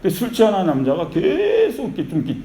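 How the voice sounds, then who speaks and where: A male pastor delivers an animated sermon, mixing preaching with storytelling. His voice is mellow and dark, heard in an echoey church sanctuary with a faint hiss behind it. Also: high voice, fast. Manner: animated storytelling with repeated calls of faith.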